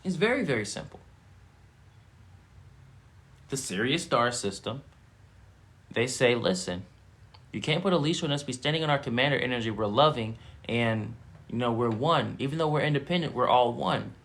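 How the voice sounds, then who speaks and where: A man's voice: mid-range voice, lively intonation, moderate pace, pauses often, a bit bright. A man giving a live-streamed spiritual teaching, repeating himself and rising into emphatic bursts.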